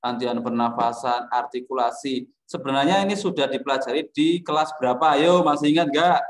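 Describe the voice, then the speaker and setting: A man teaching a music lesson to a class, explaining things in a relaxed way and teasing his students with jokes. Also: medium pitch, fairly quick. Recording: echoey classroom.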